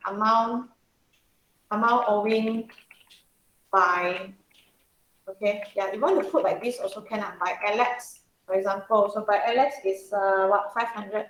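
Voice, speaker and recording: In an echoey room, a woman tutors accounting informally, her accent Singaporean or Malaysian English. She has a medium-pitched, slightly bright voice with a steady tone and measured pace, pausing often, checking understanding with questions and dropping colloquial particles.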